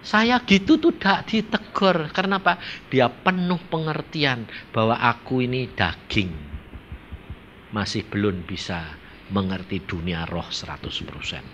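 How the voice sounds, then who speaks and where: A man preaching a storytelling sermon, lively and dramatic, swinging between loud and hushed. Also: mid-range voice, unhurried, dull audio, slight background noise. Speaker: evangelist preacher.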